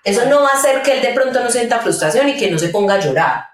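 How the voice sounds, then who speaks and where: A woman, a pedagogue guest giving calm, step-by-step parenting advice in conversation. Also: fairly high pitch, quick pace. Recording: roomy sound, mic at a distance.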